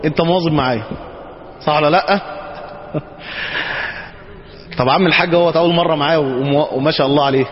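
A man's voice: fairly high pitch, steady tone, brisk, pauses often. A man with an Egyptian Arabic accent teaching grammar to a class, checking in with them again and again. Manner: checks often with the class, coaxing. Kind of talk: classroom lesson. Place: mosque teaching hall. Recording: dull sound, long reverb in a hall, faint noise.

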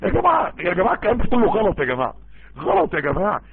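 A man with an Egyptian accent delivers an impassioned sermon at a rapid clip, in a fairly high, husky voice. He pleads, repeats himself and keeps calling out to his listeners. The sound is thin and phone-like, as if carried over a voice-chat room. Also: wildly swooping pitch, slight background noise. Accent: Egyptian Arabic. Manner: pleading, repetitive, emotional. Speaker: preacher. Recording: tinny phone-like voice-chat audio.

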